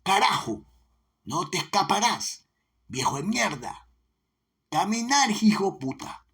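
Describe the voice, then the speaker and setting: A man voicing a brutal rural police sergeant who barks curses with contempt in a husky voice. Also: high-pitched, sing-song, slow pace, fairly bright tone, voice pushed up, full character voice. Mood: angry barking. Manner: barking, contemptuous.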